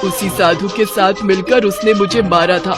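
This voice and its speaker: A woman voicing a vengeful female ghost, a dead first wife, who gives commanding warnings in a loud voice, with music behind. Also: mid-range voice, fairly even intonation, unhurried, lightly acted. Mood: urgent warning.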